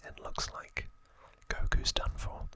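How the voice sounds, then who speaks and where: A male ASMR host narrates trivia in a breathy, hushed whisper, leaving unhurried pauses.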